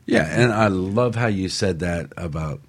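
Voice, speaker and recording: Appearing as a talk show panelist, a man speaks in a deep, slightly rough voice. He is casual, earnest and motivational, unhurried in pace, and often checks that listeners are following him.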